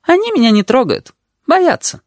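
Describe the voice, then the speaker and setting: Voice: high-pitched, huge pitch swings, no echo, clean studio sound, pitched above the performer's own voice. A reader voicing a bold chatty red-haired girl. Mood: bossy. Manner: quick, lecturing, jumps between topics. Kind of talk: audiobook character voice.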